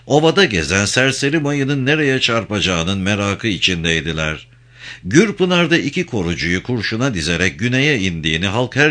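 A man's voice: on the low side, sharp tone. A man narrating a novel in a dramatic storytelling manner. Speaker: audiobook narrator.

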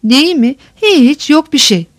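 A woman's voice: sits high, animated, slow pace, no room sound, studio quality, pitched above the performer's own voice. A woman reading the part of a frightened young woman who answers evasively and pleads. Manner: pleading, hushed.

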